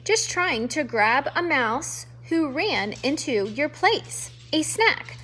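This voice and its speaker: A woman's voice: high-pitched, very animated, takes it slowly, bright, forceful tone, voice pushed up, heavily acted. A woman voicing a sniveling, apologetic male fox in a storybook reading. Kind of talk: storybook read-aloud.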